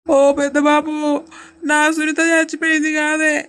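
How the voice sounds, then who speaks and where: A woman's voice: high-pitched, completely flat delivery, normal speed, a bit bright. A woman voicing a sobbing young village husband. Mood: grieving. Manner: pleading, tearful and repetitive. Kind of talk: cartoon voice acting.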